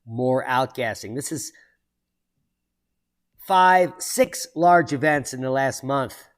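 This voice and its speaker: Taking it slowly, this channel host reads weather and geology news in an expressive, mid-range voice. He interrupts the headlines with sardonic remarks and sudden loud exclamations at anything surprising, all as solo commentary.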